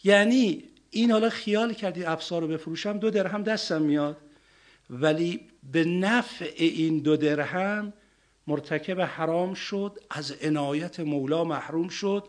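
A man preaching a sermon, stressing points with loud rises, then dropping soft and slowing down on key ideas. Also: a little high. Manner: emphatic, swings between loud rising stresses and soft drops.

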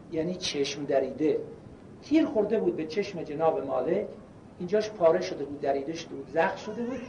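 Man preaching in an echoey hall. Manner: storytelling, swings between loud emphasis and hushed quotes. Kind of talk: sermon. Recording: echoey, distant, dull lo-fi with faint rumble.

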